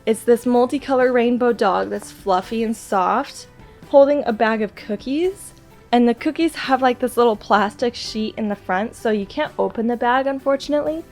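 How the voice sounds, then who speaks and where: Gushing girlishly over gifts for her viewers, a congested vlogger chats in a nasal voice that runs high with a darkish tone. She talks at normal speed while soft music plays.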